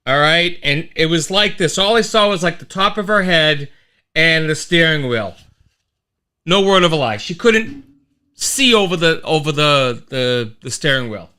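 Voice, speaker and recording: Middle-aged male host, animated rambling monologue, slightly high, smooth voice. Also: a little slow. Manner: animated storyteller, rambling with restarts and sound effects. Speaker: host of a weekly live-stream show. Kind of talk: casual monologue to a live chat.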